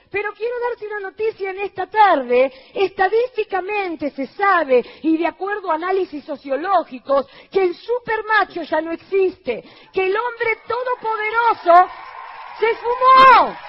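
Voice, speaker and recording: A woman pastor with an Argentine accent preaching a lively sermon to her congregation, firing rhetorical questions at them and mimicking the people she quotes in a low, mocking voice. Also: lo-fi sound. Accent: Argentine Spanish.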